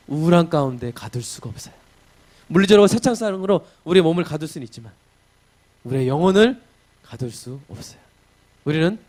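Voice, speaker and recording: A man's voice: on the high side, darkish tone. A male pastor preaching a sermon, emphatic and asking the congregation rhetorical questions.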